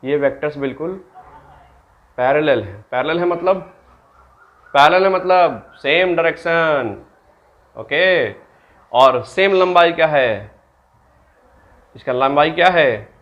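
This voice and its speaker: A slightly high, animated voice comes through lo-fi audio as a Bihari man lectures on maths, speaking slowly and pausing often. He mixes English terms into Hindi and answers his own questions for the class.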